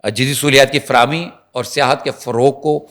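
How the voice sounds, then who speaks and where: Talk show reporter, male, animated storyteller, mid-pitched voice, speaks straight to the viewers.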